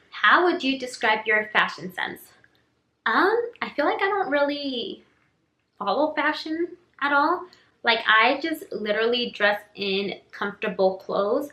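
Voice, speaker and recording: A young woman with a sharp, medium-pitched voice rambles through a get-to-know-me Q&A as a YouTuber, peppering it with "like" and "um." Spanish is her native language, and the recording carries the echo of the room.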